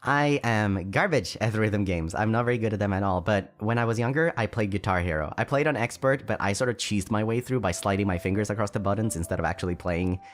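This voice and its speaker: A man's voice: on the low side, fast talker, hardly any pauses. A man streaming casually, reading donations aloud and answering chat, chatty and self-deprecating, often stumbling over his words. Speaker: VTuber streamer.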